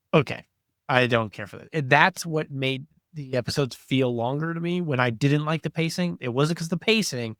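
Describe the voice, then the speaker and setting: A man's voice: medium pitch, no echo, clean studio sound. A man co-hosting a podcast, giving blunt, opinionated takes in casual chat. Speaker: podcast co-host.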